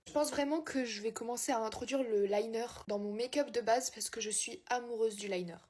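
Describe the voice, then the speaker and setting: A woman's voice: on the high side, brisk, a little mellow. A young woman beauty vlogger chatting casually and slangily as she does her makeup, swearing now and then. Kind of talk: casual chat while doing makeup.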